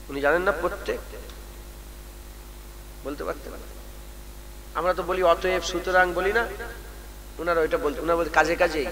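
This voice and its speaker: A man preaching a sermon at a large gathering, moving from calm teaching to loud chanted exhortation and calling on the crowd to respond. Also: high-pitched. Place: large outdoor religious gathering. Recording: long reverb from a public address system, loud crowd.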